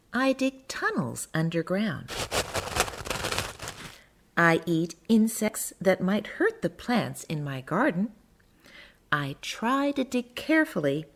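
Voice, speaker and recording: A woman's voice: medium pitch, full character voice. A woman reading as a curious little garden mole. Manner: expressive, sing-song storytelling. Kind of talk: children's storybook reading.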